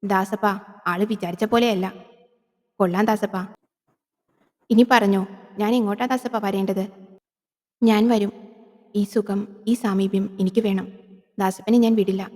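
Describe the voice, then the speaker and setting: A woman's voice: mid-range voice, fairly even intonation, a little mellow, close to an everyday voice. A woman voicing a coaxing yakshi spirit in a long hall reverb. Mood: luring. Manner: coaxing, slow and intimate. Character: vengeful seductive female yakshi spirit. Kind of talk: horror audio drama.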